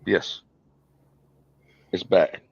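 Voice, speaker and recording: A man's voice: extremely slow, dry recording, highs cut off. A man, co-hosting a casual podcast chat, blunt and rambling with frequent restarts. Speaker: podcast co-host.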